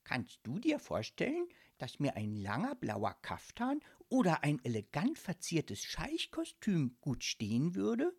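A woman voicing a cheerful, vain male ghost in striped pajamas who talks in breathy, secretive whispers. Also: low voice, huge pitch swings, measured pace, hardly any pauses, a little mellow, heavily acted.

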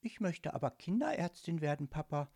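A man's voice: on the high side, very animated, normal speed, mellow, slightly rough, pitched above the performer's own voice, full character voice. A man doing a polite, sweet young girl. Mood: earnest. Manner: polite, chirpy. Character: polite sweet twelve-year-old girl.

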